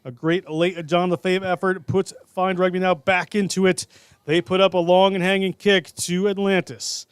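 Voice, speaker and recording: A man calling live rugby play-by-play in a brisk, jokey way. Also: high voice, little pitch movement, clean tone, dry recording, clean studio sound. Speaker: play-by-play commentator.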